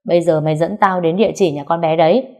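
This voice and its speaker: A woman reader voices a brash young woman friend who scolds and teases without holding back, blunt like a bossy storybook sidekick. Her natural voice sits a little low with a dark, mellow tone, steady and fast.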